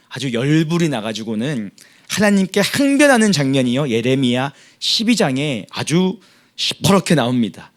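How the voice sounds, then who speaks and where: A male pastor preaching a sermon at a prayer meeting, emphatic and leading the congregation in reading scripture aloud. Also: a little high.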